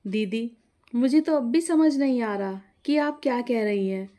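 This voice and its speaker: A woman's voice: on the high side, a little slow, warm tone, close to an everyday voice. A woman voicing a polite, naive new young bride in a family story. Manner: polite, respectful.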